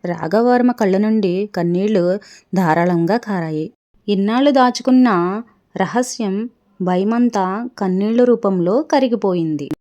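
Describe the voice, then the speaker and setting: She reads a family tale with emotion, using a warm, mid-range voice at a measured pace. Every character's spoken line comes from her own voice.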